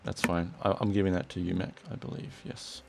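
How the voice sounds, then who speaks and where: A young man hosting a casual chat, relaxed and rambling with restarts. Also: low-pitched, brisk, vocal fry, slight background noise. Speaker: host.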